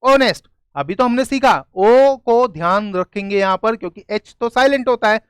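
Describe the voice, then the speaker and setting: Male tutor, high clear voice, dry close mic, explains slowly and checks understanding. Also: expressive, a bit bright, dry recording. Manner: explains step by step, often asks "clear?". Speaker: grammar teacher. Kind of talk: classroom-style video lesson.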